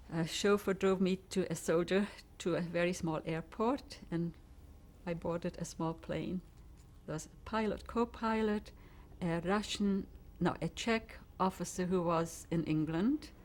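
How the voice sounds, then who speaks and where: A woman's voice: fairly low pitch, darkish tone, slight background noise. A woman, giving oral history testimony and vividly retelling events with acted-out dialogue. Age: 90s. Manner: vivid storytelling, acting out dialogue. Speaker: interviewee.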